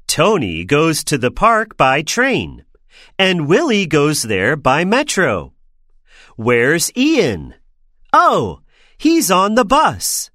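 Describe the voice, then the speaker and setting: Woman narrator, slow, expressive pitch, dry studio read. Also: no echo. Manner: clear, measured, expressive. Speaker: narrator of a listening exercise.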